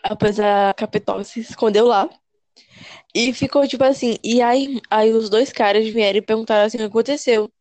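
A young woman with a Brazilian accent, a podcast co-host telling scary stories in casual chat, animated and full of slang, repeating words as she goes. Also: on the high side, brisk, dry recording. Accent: Brazilian Portuguese.

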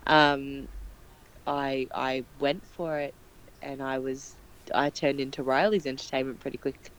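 A woman recounts a trip in casual conversation. She laughs often and tells it with plenty of animation. Her voice is loud and unguarded, as she says herself. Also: a bass voice, flat delivery, a little slow, rough recording. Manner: loud, self-described as not quiet. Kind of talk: casual chat.

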